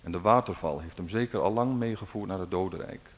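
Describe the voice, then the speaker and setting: A man's voice: low voice, brisk, lightly acted. A man reading out the lines of the solemn, all-seeing sun in a folk tale, in a mournful way.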